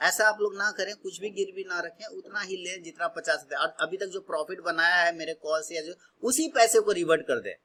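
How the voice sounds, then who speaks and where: A man's voice: high voice, fairly quick, few pauses, pushed and bright. A man from India teaching stock trading in a casual way, asking himself questions and answering them, often repeating his words.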